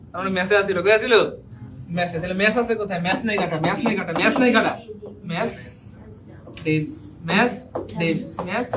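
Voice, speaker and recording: A male teacher, leading an exam-prep grammar class and quizzing students with repeated questions and jokes. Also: sits high.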